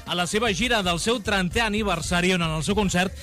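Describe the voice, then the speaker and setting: A man reading a local radio news report in a measured, scripted way. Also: sits high, pushed and bright, soft background music. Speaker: news presenter.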